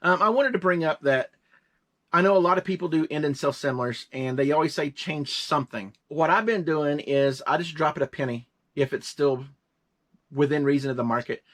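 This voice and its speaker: Casting note: man, fifties, co-host of a reselling show, quick and rambling, jokes a lot, casual delivery. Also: on the high side, fairly bright tone. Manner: rambling, joking, quick-talking. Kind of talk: casual chat.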